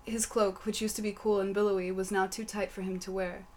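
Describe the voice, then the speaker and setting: Deadpan woman narrating a comic story. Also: mid-range voice, brisk, a little hiss or hum. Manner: matter-of-fact, deadpan. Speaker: story reader.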